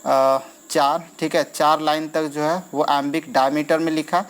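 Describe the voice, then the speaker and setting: A man's voice: fairly high pitch, level tone, unhurried. A man teaching verse scansion in an exam-prep lesson, counting feet aloud and stretching stressed syllables, with frequent okay fillers.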